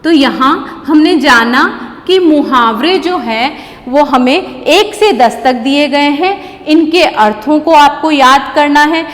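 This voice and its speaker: A woman teacher walks young pupils through a grammar lesson in a high voice, patiently repeating key words slowly. Her voice trails into a long reverb.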